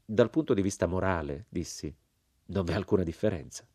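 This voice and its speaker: A man reading a literary novel aloud in a calm, measured way. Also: low voice, dry recording, clean studio sound. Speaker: audiobook reader.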